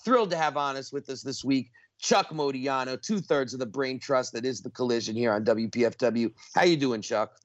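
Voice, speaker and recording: An enthusiastic man hosts a radio talk show and leans hard into his words. His voice sits at an ordinary middle pitch. The sound is dry and slightly muffled. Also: no room sound. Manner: energetic, emphatic, repeats details slowly.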